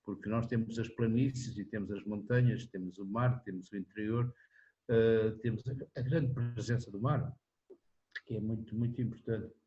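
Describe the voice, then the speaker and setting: A man in his seventies with a European Portuguese accent, answering in a relaxed interview, rambling with restarts and frequent tag questions. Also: fairly low pitch, moderate pace, lo-fi sound. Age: 70s. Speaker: interviewee, singer-songwriter.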